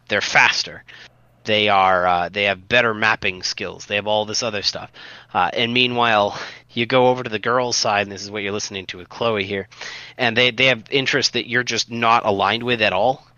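Bright-voiced man rambling on a podcast. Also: fairly low pitch, steady tone, normal speed, no room sound, highs cut off. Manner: rambling, many restarts and fillers, earnest. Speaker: podcast co-host. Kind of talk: casual conversational podcast.

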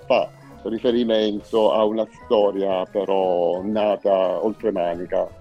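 In a dull, lo-fi radio recording with faint music behind, a musician guest from Salento in southern Italy gives a casual interview. His voice sits low and his delivery is flat, and he hesitates, pausing frequently and repeating things as he looks for the right words.

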